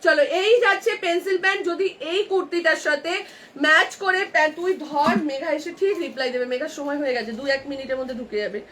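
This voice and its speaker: A woman's voice: high voice, quick pace, sharp tone. A woman with a Kolkata Bengali accent selling clothes on a live stream from a shop, chatty and talking straight to viewers. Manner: chatty, addresses viewers directly, counts off sizes. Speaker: online clothing seller. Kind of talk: live-stream sales pitch. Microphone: phone camera.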